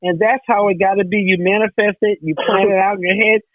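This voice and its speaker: A woman's voice: mid-range voice, fairly even intonation, fast, dry recording. A woman hosting an interview in a casual chat, giving compliments and asking long, rambling questions. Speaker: interview host. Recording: dry phone-like line.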